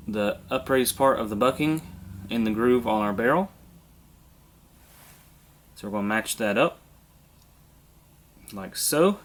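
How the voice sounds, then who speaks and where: A man hosting a hands-on airsoft how-to, congested from a sinus infection, talking through each step in a relaxed, casual way. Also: mid-range voice, a little hiss or hum. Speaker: airsoft video host.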